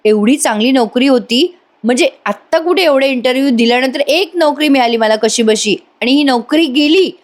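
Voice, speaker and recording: A woman's voice: high voice, normal speed, voice pushed up, lightly acted. Woman voicing an exasperated young daughter. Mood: upset. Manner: complaining, exasperated pleading.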